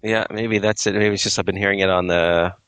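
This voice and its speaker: A man's voice: low-pitched, fairly even intonation, fairly quick, fairly bright tone, smooth, no room sound. A man telling a rambling story in casual chat, full of fillers and restarts, heard over an internet call. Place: Quebec home over a call. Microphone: internet call audio.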